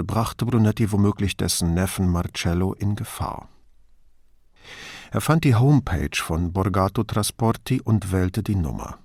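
A male narrator reads a crime novel aloud in a measured, expressive way. His pitch rises and falls freely. The recording is dry and close, with no room sound. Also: no room sound. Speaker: audiobook narrator. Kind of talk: scripted narration.

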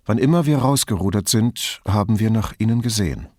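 A man reading an audiobook plays a reflective middle-aged police commissioner who talks in a measured, thoughtful way. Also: lowish voice, lively intonation, a little mellow, dry recording, studio quality.

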